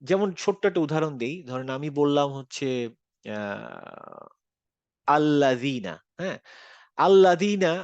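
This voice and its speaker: Man with a Bangladeshi Bengali accent, patient online Quran teacher, slightly high voice, dry sound. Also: no echo. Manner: explains patiently, mixes English phrases into Bengali. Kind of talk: online class lecture.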